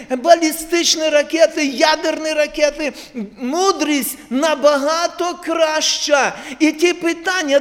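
High-voiced preacher in a reverberant hall. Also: male voice. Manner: asks the congregation rhetorical questions; tells homely stories from his own family. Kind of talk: sermon to a congregation.

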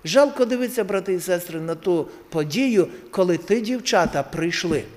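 High-voiced preacher in an echoing hall. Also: male voice, lively intonation, normal speed. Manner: impassioned, swinging from hushed to loud exhortation. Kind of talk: sermon. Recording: long reverb of a large hall.

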